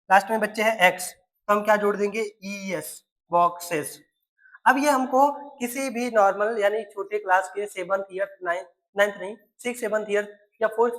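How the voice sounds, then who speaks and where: A male teacher speaks in a recorded classroom lesson. He addresses his pupils constantly, asking question after question. He slows down to spell words out one letter at a time. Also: sits high, fairly bright tone, poor audio. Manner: keeps quizzing students, spells words letter by letter.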